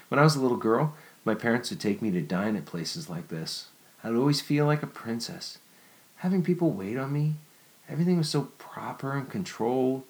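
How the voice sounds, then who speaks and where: A man reads aloud, taking on the voice of an excitable, dreamy young woman, high and breathless with a stammer.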